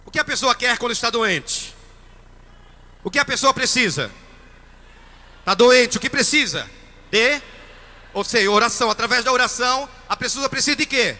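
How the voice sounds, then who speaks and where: A man's voice: very high voice, animated, moderate pace, long pauses, bright, forceful tone. A man with a Brazilian Portuguese accent, a priest preaching a sermon and emphatically questioning his congregation. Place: church. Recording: reverberant church hall.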